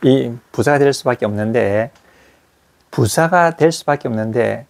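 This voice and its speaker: Male grammar teacher, mid-pitched, drills phrases by repetition. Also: creaky. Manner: explains slowly, drills pronunciation with repetition. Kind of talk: classroom grammar lesson.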